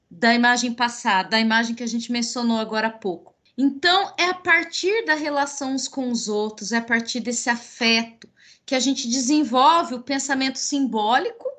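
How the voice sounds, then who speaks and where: A woman's voice: high-pitched, bright, forceful tone. A woman from Paraná with a Minas Gerais touch in her Brazilian Portuguese, a teacher hosting an educational podcast in a reflective way with frequent restarts. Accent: Brazilian Portuguese with Minas Gerais traits. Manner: reflective, speaks in repeated restarts. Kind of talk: casual educational podcast chat.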